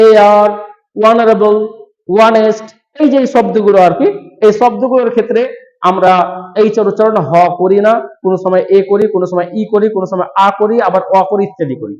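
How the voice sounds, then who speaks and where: A man from West Bengal, an English grammar teacher explaining rules to students slowly, step by step, repeating each point. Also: high-pitched. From West Bengal, India. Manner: slow, repetitive step-by-step explaining. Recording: echoey, dull room sound.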